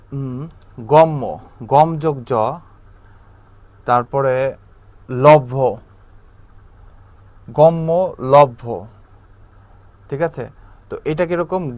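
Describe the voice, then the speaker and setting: A man with a Bangladeshi Bengali accent teaching a grammar lecture, often asking "right?" and slowly repeating key terms. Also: medium pitch, a little mellow, no echo. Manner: checks in with rhetorical questions.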